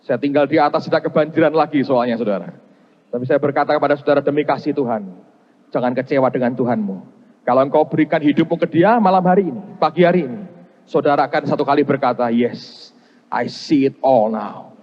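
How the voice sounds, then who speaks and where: A male pastor preaching in a large church hall, his voice a little high for a man and ringing with long reverb. He tells stories from the pulpit and sinks low and slow when he quotes a prayer. The sound is muffled and dull. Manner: storytelling preacher, slows and drops low for quoted prayers and God's words. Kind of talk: sermon.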